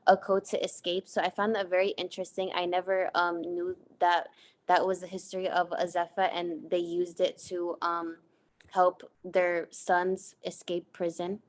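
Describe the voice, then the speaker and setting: A woman's voice: lowish voice, flat delivery, normal speed. A young woman from the United States, presenting a class project in an earnest way, reading from her slides with frequent fillers. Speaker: student presenter.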